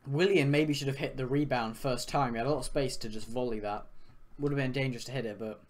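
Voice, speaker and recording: A man's voice: mid-range voice, quick pace. A young man, giving casual, rambling live reactions to a football match into a streaming microphone. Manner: casual, rambling, thinking aloud. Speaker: fan reaction host. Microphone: computer microphone for live stream.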